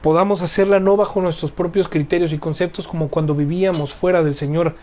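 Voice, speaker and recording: An earnest Bible study teacher reads scripture and explains it to a small group. The speaker often repeats key phrases and tags points with rhetorical questions, at an even, moderate pitch. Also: brisk.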